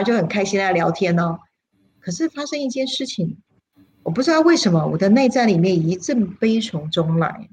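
A woman, a spiritual teacher telling a personal story on a livestream in an animated, dramatic way, her voice leaping up at exciting moments. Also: a little hiss or hum. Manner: animated, dramatic storyteller with sudden pitch leaps.

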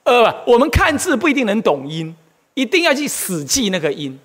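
Lively, high-voiced monk lecturing. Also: male voice, fairly quick. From Taiwan. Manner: animated, asks the audience questions, exclaims often. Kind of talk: Buddhist history lecture.

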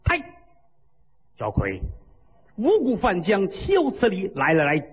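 Weary timid marshal voiced by a man, low, resigned, husky, echoey. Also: huge pitch swings, a little slow, phone-quality sound, exaggerated voice.

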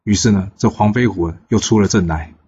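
Husky-voiced male storyteller. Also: fairly low pitch, mellow, highs cut off. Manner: chatty, with frequent filler pauses. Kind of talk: casual oral storytelling.

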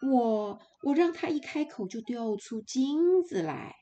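A woman voicing three kindly little forest dwarves in a children's story, talking gently and coaxingly with small stammers. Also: sits high, animated, unhurried, faint music behind, voice pushed up.

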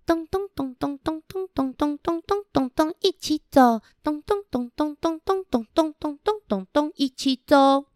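A woman's voice: high-pitched, animated, a little slow, few pauses, bright, forceful tone, no room sound, clean studio sound, faint music behind, voice pushed up, heavily acted. A woman voicing a little mouse and chick, brave friends together, bouncy and cute as if reading to a toddler.

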